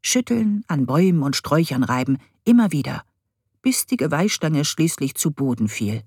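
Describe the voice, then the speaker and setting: A woman reads a story aloud in a lively, expressive way. Her pitch moves a great deal from line to line. The recording is dry and close. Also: normal speed, husky, dry recording. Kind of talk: storybook reading.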